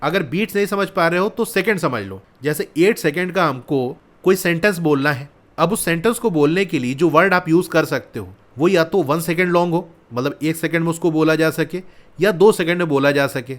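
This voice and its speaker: A man's voice: on the high side, moderate pace. A man teaching a maths lesson, explaining patiently step by step and asking questions, reading lines. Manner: patient, repeats steps and asks questions.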